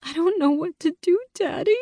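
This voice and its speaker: A woman's voice: very high-pitched, normal speed, darkish tone, dry recording, studio quality, voice pushed up. A woman voicing a tearful thirteen-year-old girl. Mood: tearful pleading. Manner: pleading, whispery. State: crying.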